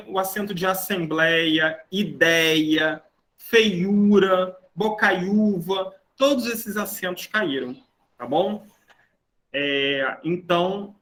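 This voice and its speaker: With a Brazilian Portuguese accent, a man delivers an online grammar lecture to a class, laying out rules step by step and frequently checking that students are keeping up. His voice is high-pitched and fairly bright.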